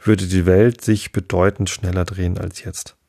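A man reading the lines of a grumpy, hoarse-voiced storybook duchess in a gruff, slow way. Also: deep voice, level tone, warm tone, dry recording, clean studio sound.

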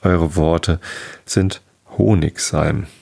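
A man doing a fawning, hapless countryman, low and gravelly. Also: steady tone, very slow, darkish tone, heavily acted. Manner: fawning, flowery politeness. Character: hapless tipsy Irish countryman, ingratiating.

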